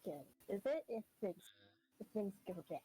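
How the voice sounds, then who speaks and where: A woman's voice: mid-range voice, expressive, moderate pace, dark tone, husky. A woman playing a tabletop game over a voice call, her glitchy audio breaking up so she halts and repeats words. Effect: glitchy call audio that keeps cutting out. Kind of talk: casual chat over a voice call.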